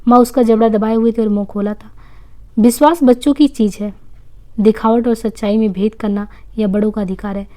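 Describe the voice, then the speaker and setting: A woman reading a novel aloud at a steady pace, sometimes slipping and restarting a phrase. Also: fairly high pitch, brisk. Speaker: reader.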